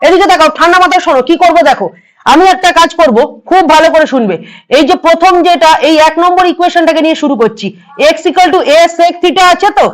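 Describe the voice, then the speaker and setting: Woman, math tutor, West Bengal Bengali accent, hoarse, very high voice, repeats every step. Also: fast talker, low-quality recording. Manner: repeats each step, coaxing students along. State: hoarse from a cold. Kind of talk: online exam-prep math lesson.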